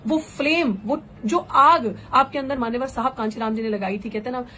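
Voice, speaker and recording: Woman activist, higher register, impassioned rhetorical speaker, mixes in English phrases. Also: brisk, sharp tone, slight background noise. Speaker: political activist and candidate. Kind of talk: impassioned live political address.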